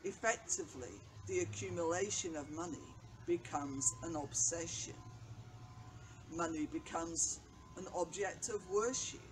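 A woman's voice: fairly low pitch, over music. An older woman vicar reading a daily reflection and prayers from her notes, seated outdoors. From England. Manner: slow, measured reading from notes. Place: outdoors by a brick wall on a bench. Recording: noisy outdoor recording.

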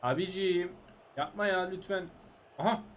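A man commentating his own football video game career in casual, frustrated bursts, urging his players on and yelling when chances are missed. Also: normal speed, slight background noise. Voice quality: high-pitched, animated. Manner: shouts at players, frustrated, breaks into excited yells. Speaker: gaming YouTuber. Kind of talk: excited live game commentary.

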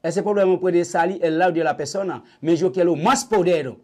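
Older Haitian-accented man, high-pitched, halting and repetitive; vodou priest being interviewed. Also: mellow. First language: Haitian Creole. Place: small indoor shrine room.

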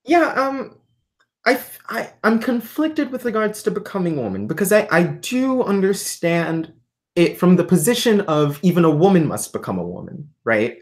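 A woman's voice: lowish voice, sing-song, normal speed. A woman guest on a livestream, explaining ideas thoughtfully with many fillers and restarts. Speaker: guest, artist and philosophy tutor. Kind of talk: livestream conversation.

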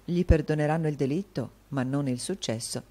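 A woman reading an audiobook, voicing a proud, quick-tempered young man who speaks earnestly. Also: deep voice, dark tone. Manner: earnest, scornful at times.

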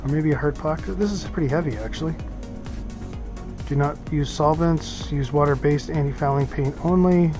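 A boating vlogger unboxes gear in a small office, rambling and thinking aloud with lots of fillers, filmed on a head-mounted camera. His voice is a little high and moves at a normal speed, with music playing behind him.

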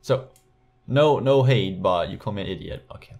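A young Danish YouTuber, his accent slight, sits in a small bedroom reading comments for a casual vlog into a USB desk mic. His voice is fairly low and a little mellow, at a moderate pace, and he keeps restarting amid sarcastic, laughing asides.

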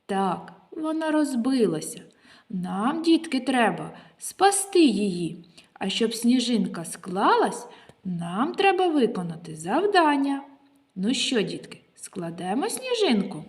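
A kindergarten teacher leads small children through a literacy lesson in Ukrainian with a local accent, asking them questions. Her voice is a little high, very animated and darkish in tone. She talks slowly in a sing-song teacher style.

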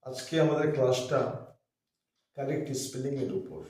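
A male English teacher with a Bengali accent giving a lesson at a board, explaining slowly and spelling words out letter by letter. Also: mid-range voice, lively intonation, darkish tone. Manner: frequent checking fillers. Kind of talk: classroom lesson. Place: classroom with a board. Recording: very echoey room, far from mic.

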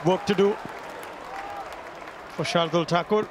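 High-voiced man in lively cricket commentary. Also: slow pace, crowd noise, background noise.

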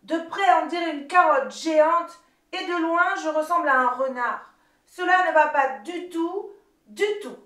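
A woman's voice: very high voice, a little slow, fairly bright tone. A woman doing a vain, grumpy storybook wolf. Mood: dismayed. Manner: exclaiming in dismay. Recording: roomy, distant, ukulele music behind.

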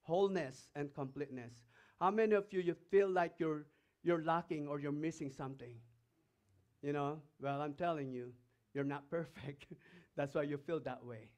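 At a normal speed, a man's somewhat high, slightly mellow voice carries a sermon in a Filipino accent. He is a pastor from the Philippines who reads scripture passages aloud between his remarks and puts emphatic questions to the congregation.

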